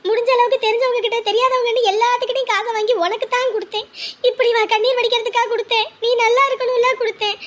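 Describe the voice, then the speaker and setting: A woman's voice: very high voice, steady tone, racing. An actress playing a weary middle-aged mother who scolds and comforts her indebted grown daughter in a family drama. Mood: scolding. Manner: scolding, then soothing. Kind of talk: family web drama acting.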